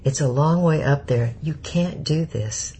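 A man's voice: a little high, measured pace, vocal fry, warm tone, slight background noise, voice pushed up. A man reading the lines of a worried, stubborn young woman who protests insistently. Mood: protesting.

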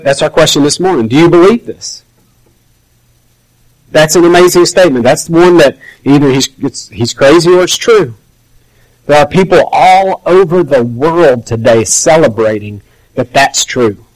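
Conversational preacher, fairly high male voice. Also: unhurried, pauses often, poor audio. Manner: conversational, acts out quoted voices. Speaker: pastor. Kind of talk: sermon.

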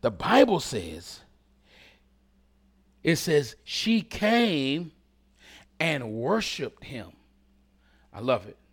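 A man preaching a sermon, talking directly to the congregation and swinging between loud calls and hushed whispers. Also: a little high, very animated, drawn-out words, long pauses, husky.

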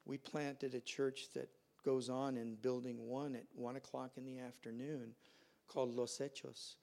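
A man's voice: medium pitch, creaky, a little mellow. A man preaching a sermon as pastor in a church, telling stories and acting out the people in them. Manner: storytelling, acts out quoted voices. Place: church sanctuary.

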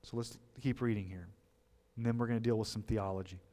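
Animated pastor preaching, man. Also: fairly low pitch, fast. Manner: animated, with big swings between loud emphasis and quiet asides; conversational, explaining scripture with rhetorical questions. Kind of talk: expository sermon.

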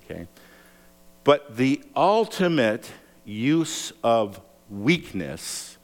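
A man preaching a sermon, telling stories with lively acted-out quotes. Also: extremely slow. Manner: animated storytelling, acts out quotes with raised pitch. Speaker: pastor. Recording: long hall reverb.

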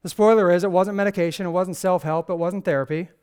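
A man's voice: high-pitched, fairly even intonation, quick pace, darkish tone, clear, resonant tone. A man preaching a casual sermon, telling a Bible story with sarcastic, conversational asides and acted quotes. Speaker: pastor.

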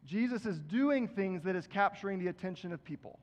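A man's voice: high voice, lively intonation, brisk. A man preaching a sermon, reading scripture aloud and talking to the congregation in a casual way. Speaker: pastor. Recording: dull, reverberant hall.

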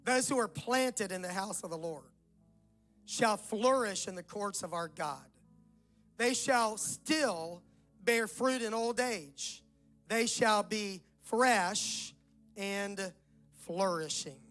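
A man delivers a sermon from the pulpit, his voice rough and hollow-sounding, as though he were speaking from inside a barrel. He preaches in a measured way and slows down when he reads scripture aloud. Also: high-pitched, a bit bright, faint music behind. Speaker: pastor. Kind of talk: Mother's Day sermon.

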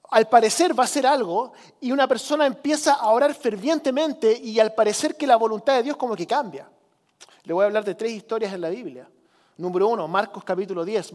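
A man's voice: high-pitched, long reverb tail. A man preaching a sermon as pastor, earnest and urging, acting out the voices in the stories he tells.

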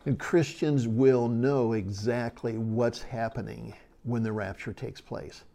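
A man gives a sermon-style Bible lesson in a mellow, dark-toned voice. He explains things earnestly, with casual fillers, and slows down to lean on key phrases. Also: medium pitch, fairly even intonation, creaky. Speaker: Bible teacher.

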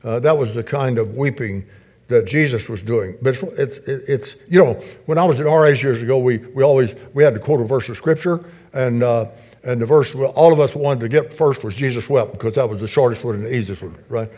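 An older man preaching a sermon with earnest emphasis, often repeating words and phrases. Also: brisk. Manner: rises to emphatic peaks, then drops soft and low. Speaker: pastor.

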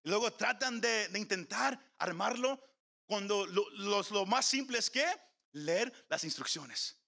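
A man's voice: high-pitched, animated, a little slow, vocal fry, sharp tone. A man preaching a sermon in a church, calling on the congregation and slipping into English phrases. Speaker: pastor. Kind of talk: bilingual sermon.

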